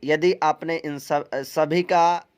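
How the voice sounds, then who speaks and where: A man from India with a fairly high, steady, smooth voice speaks slowly as an English teacher, walking students through a recorded vocabulary lesson step by step. His tone is plain and instructive, he repeats steps, and some filler sounds slip in.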